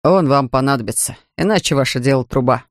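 A man's voice: medium pitch, fast talker, dry recording, pitched below the performer's own voice, close to an everyday voice. A man voicing a stern, weary male police officer in an audiobook, with a dry, official manner of speaking. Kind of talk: audiobook character voice.

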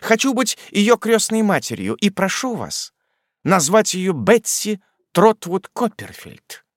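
A man voicing a stern, imperious elderly aunt in an audiobook, speaking in a high, clipped, scolding and impatient way. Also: no room sound, studio quality. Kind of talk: audiobook character reading.

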